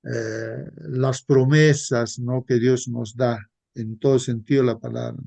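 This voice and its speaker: A man teaching a Sabbath school Bible study at a very unhurried pace. He repeats his points and keeps turning to his listeners as brothers. The recording is dry, with little room sound. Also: mid-range voice, fairly even intonation, gravelly, dark tone, no echo. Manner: slow, repetitive, addresses listeners as brothers.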